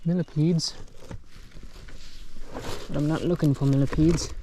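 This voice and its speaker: A man's voice: a little high, steady tone, measured pace, background noise. A man hosting a wildlife vlog outdoors, commenting casually and admiringly, half to himself and half to the animals. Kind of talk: casual field commentary with some narration. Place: outdoors on wooded, rocky hillsides.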